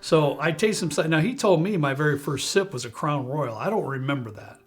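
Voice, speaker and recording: A middle-aged man hosting a casual bourbon chat, telling his stories with emphatic, drawn-out phrases. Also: fairly high pitch, animated. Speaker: bourbon show host.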